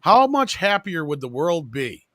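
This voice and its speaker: A man from Wisconsin on a podcast in casual chat, cracking crude deadpan jokes. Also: a little high, measured pace, crowd noise.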